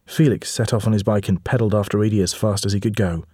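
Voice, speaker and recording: A man narrating a children's storybook aloud, reading steadily and lively. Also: on the low side, fast talker, slightly rough, no echo, studio quality.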